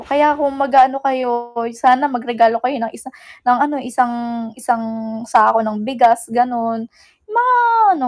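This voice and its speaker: A young woman with a high, bright-sounding voice chats on a livestream, teasing viewers and thanking them. She mixes in English, jokes around and breaks into laughs. It sounds like a phone or webcam mic. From Philippines. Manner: playful teasing, code-switching with English, frequent laughter. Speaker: idol livestream host. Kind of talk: casual livestream chat with viewers.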